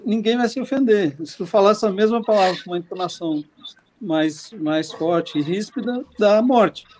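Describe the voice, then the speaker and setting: A man's voice: high voice, normal speed, darkish tone, a little hiss or hum. A man co-hosting a podcast, chatting casually and rambling with lots of fillers. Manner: rambling, many fillers and restarts. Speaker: podcast co-host. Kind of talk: casual chat.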